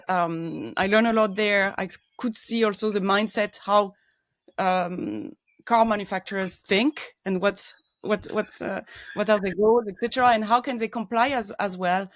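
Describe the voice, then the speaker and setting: A woman's voice: mid-range voice, no room sound. Earnest woman with a French accent. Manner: earnest and explanatory, searching for words with frequent ums and restarts. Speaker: guest expert, engineer. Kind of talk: casual podcast interview.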